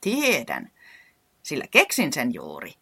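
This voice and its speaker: A woman voicing an eager, cheerful young fox in a children's story, chirpy and quick with ideas. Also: very deep voice, huge pitch swings, bright, forceful tone, slightly rough, no room sound, full character voice. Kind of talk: storybook character voice.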